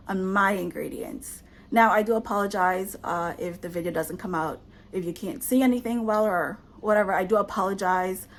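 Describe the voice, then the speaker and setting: A woman with a mid-range voice hosts a casual home cooking video at her stove. She chats easily and reassures the viewer, stopping now and then to check that they are following along. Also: mid-range voice. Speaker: cooking channel host. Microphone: camera she set up herself.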